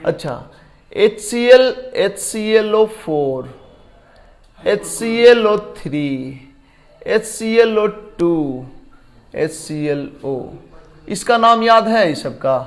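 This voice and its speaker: High-voiced, unhurried male chemistry teacher. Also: lively intonation. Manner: explains step by step, quizzing students and thinking aloud. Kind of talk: classroom lecture.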